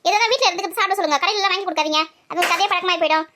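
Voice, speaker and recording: A woman's voice: very high voice, racing, heavy background noise. A woman voicing a flustered, defensive working daughter-in-law in a comic family skit.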